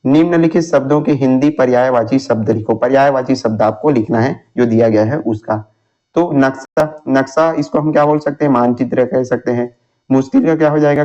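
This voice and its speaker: Guy teaching a class, asks then answers himself, repeats stuff slow, kinda muffled lo-fi audio. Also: medium pitch, dark tone. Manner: repeats answers slowly for dictation. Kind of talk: classroom explanation, question and answer. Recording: dull lo-fi sound.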